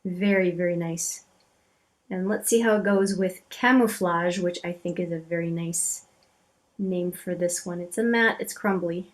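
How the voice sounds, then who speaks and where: A woman hosting a beauty channel, talking casually as she swatches eyeshadows, chatty and admiring, often trailing off into quiet asides. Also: fairly low pitch, fairly even intonation, measured pace.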